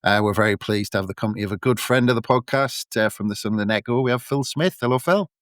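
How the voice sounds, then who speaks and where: A man's voice: lowish voice, quick pace, a bit bright, no room sound, clean studio sound. A man casually hosting a football podcast and introducing his guests. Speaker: podcast host.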